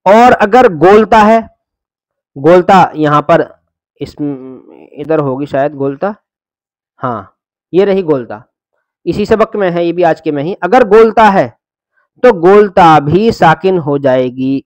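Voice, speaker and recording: A man teaching Quran reading, spelling out letters and vowel marks slowly and patiently, then blending them into words and correcting common student mistakes. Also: fairly high pitch, expressive, a little mellow, no room sound. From India. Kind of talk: slow syllable-by-syllable Quran reading lesson.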